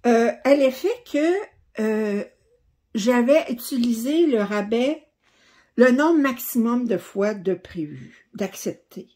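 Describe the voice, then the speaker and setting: A middle-aged woman from Quebec, Canada, with a Québécois French accent, hosts a craft channel and chats casually to camera, full of fillers and restarts. Her fairly high, slightly mellow voice is animated but slow.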